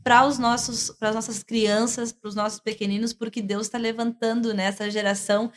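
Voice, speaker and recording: A woman speaks earnestly as a church minister, sharing a heartfelt testimony. Her voice sits a little high, and she talks with many fillers and restarts. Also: little pitch movement, moderate pace. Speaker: church minister, worship leader. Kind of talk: conversational testimony.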